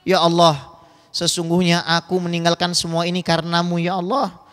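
A man's voice: high-pitched, level tone, normal speed, fairly bright tone. A man voicing a poor, pious young man from a story, in a tearful pleading prayer, with long hall reverb.

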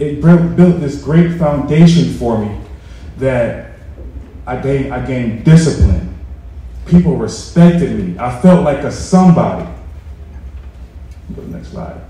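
A man's voice: mid-range voice, warm tone. A man in his thirties from New York giving a personal story speech in a large meeting room, earnest and building to emphatic peaks, on a handheld mic. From Rochester, New York. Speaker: veteran speaker. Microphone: handheld mic heard from far off. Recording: echoey room from a distance.

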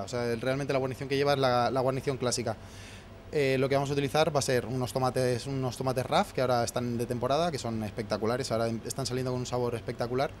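Chef in his 30s, rapid halting explanation, handheld mic in a kitchen, faint background hum. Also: mid-range voice. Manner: fast, many restarts and fillers while listing ingredients. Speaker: head chef. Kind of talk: explaining a recipe on camera. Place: restaurant kitchen, indoors. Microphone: handheld mic held by interviewer.

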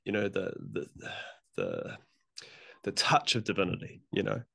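A man's voice: deep voice, huge pitch swings, unhurried, vocal fry, fairly bright tone, husky, dry recording, clean studio sound. A man in his thirties with a New Zealand accent, speaking earnestly and reflectively as a guest on a video call, with many fillers. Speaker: guest, youth worker. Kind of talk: casual conversation. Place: home room.

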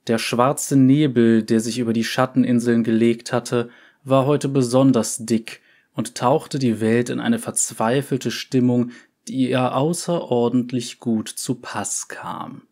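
A man narrating a fantasy story in a measured, deliberate reading. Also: mid-range voice, fairly even intonation, a little mellow.

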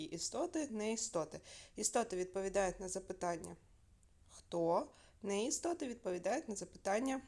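A woman teaching a primary school lesson by video, clear and patient, asking questions and answering them herself. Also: medium pitch, a little mellow.

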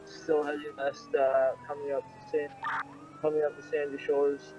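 A man's voice: on the high side, completely flat delivery, normal speed, muffled recording, over music. A man playing a patrol officer, calling in over police radio in clipped, matter-of-fact codes. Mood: urgent. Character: male patrol officer in a roleplay game. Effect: police radio call.

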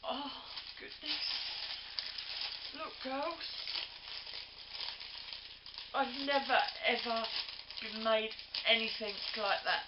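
A woman unboxing a gift on a craft vlog, gushing and effusive, with lots of breathy "oh"s. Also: fairly high pitch, extremely slow, pauses often, very noisy. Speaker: crafting vlogger. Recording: lo-fi home video, roomy.

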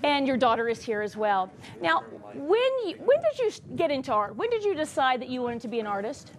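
A woman's voice: sits high, very animated, a little fast. A middle-aged woman presenting as a home shopping host, with effusive, emphatic, repetitive sales talk. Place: TV studio desk, indoors.

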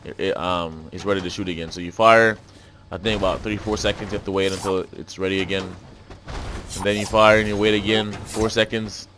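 A man with a lowish voice talks loosely while he plays, rambling between urgent, repeated callouts to a teammate. His gameplay chat rides over a noisy capture full of game sounds and clicks. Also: fairly even intonation, fairly quick, fairly bright tone. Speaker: gaming YouTuber.

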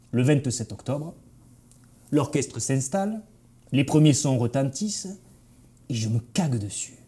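Animated man with a southern French accent. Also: a little high, breathy edge. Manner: vivid, animated storytelling. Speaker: actor. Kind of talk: theatre monologue.

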